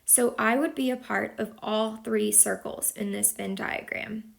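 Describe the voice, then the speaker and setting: A woman's voice: a little high, fairly even intonation, measured pace, creaky. A woman teacher from Texas explaining a lesson patiently, step by step, as a voice-over for a whiteboard video. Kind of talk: slow explanatory lesson narration.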